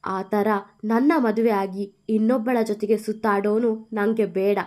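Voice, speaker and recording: A woman's voice: medium pitch, steady tone, measured pace, close to an everyday voice. A woman voicing a hurt, angry young wife. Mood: upset, angry. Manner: loud, emphatic, pleading.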